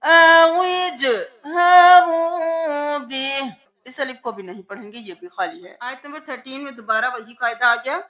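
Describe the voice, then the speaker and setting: A woman's voice: on the high side, hardly any pauses, sharp tone. A woman teaching Quran recitation, patiently spelling out words letter by letter in a tajweed lesson.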